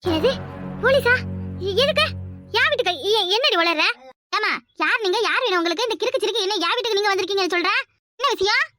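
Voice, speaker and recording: Woman voicing an old cartoon mother-in-law, Kanyakumari Tamil accent, shrill high voice, scolding and wailing. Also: rapid-fire, sharp tone, faint music behind. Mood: alarmed. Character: loud, dramatic old village mother-in-law. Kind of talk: cartoon voice acting.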